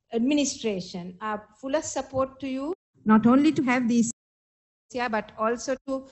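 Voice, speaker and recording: A middle-aged woman with a Sri Lankan accent gives a formal ceremonial speech as chief guest, in a measured manner. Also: on the high side, a little mellow, poor audio. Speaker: chief guest and university vice chancellor giving an address.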